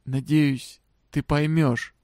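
A man voicing a sick, weary middle-aged father who talks quietly, almost whispering, and slowly. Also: on the high side, steady tone, dry recording, clean studio sound. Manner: quiet, near whispering, slow.

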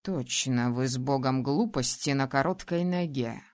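Woman doing a young male ruler, very deep, slow, calm, mocking, audiobook. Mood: teasing. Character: young male ruler, teasing, domineering, tender. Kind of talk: audiobook character voice.

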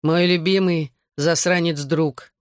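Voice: medium pitch, steady tone, no room sound, studio quality, close to an everyday voice. A reader doing a slurring, drugged-up teenage boy. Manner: slurred, drawn-out, giddy.

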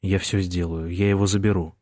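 A man's voice: deep voice, flat delivery, a little fast, dry recording, studio quality. Man voicing Michael, a desperate young prisoner. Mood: pleading. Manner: hushed, urgent pleading.

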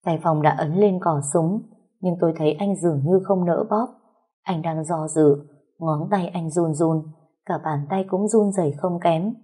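A woman narrates a first-person drama with an emotional, dramatic reading. Her voice is husky and dark, sitting a little low. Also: measured pace.

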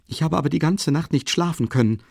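A fretful, timid mother frets and exclaims in a raised, fluttering voice, as a male audiobook reader puts her on. The tone stays gravelly underneath, and the studio sound is dry and close. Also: fast, darkish tone, no echo. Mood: fearful. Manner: flustered, exclaiming, high-pitched fretting. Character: anxious middle-aged mother, fretful and timid. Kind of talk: audiobook character reading.

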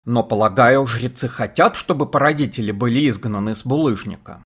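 A man's voice: medium pitch, a little fast, a bit bright, slightly rough. A man reading an audiobook voices a persistent interrogator who asks courteous but probing questions. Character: persistent male interrogator, polite but pressing.

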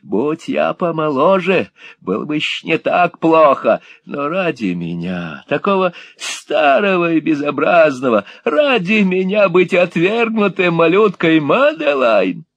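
A man voicing a spiteful, gloating old miser in a storybook reading, with a shrill, sneering, cackling voice. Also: sing-song, unhurried, hardly any pauses, no echo, dull audio, heavily acted.

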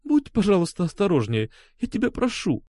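A man's voice: high voice, big pitch swings, normal speed, mellow, no room sound, studio quality, voice pushed up. Man voicing a frightened tearful young woman. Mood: frightened pleading. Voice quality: tearful, pleading.

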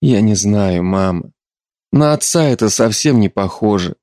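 A man's voice: fairly low pitch, animated, measured pace, a little mellow, dry recording, studio quality. A man voicing a frustrated young adult daughter who pleads with her mother in an audiobook. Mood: pleading.

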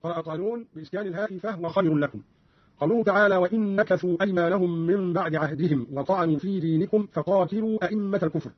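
A man with a high, husky voice explains recitation rules at a quick, instructive clip, breaking off now and then to quote verses. The sound is a dull, lo-fi radio archive with a close, dry tone. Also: dry recording. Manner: brisk and instructive, quoting verses as examples. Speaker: presenter explaining recitation variants.

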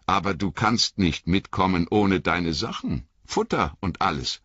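Casting: man voicing Frodo, a young male hobbit, weary, resolute, gently firm, voice lifted a little above the narrator's, dry lo-fi sound. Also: deep voice, lively intonation, a little slow, breathy edge, no echo, voice pushed up, exaggerated voice. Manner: gentle, firm, fatherly toward companion. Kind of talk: audiobook reading.

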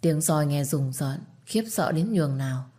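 A woman narrating a dramatic audio story in a steady, expressive way. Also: low voice, moderate pace, slightly rough.

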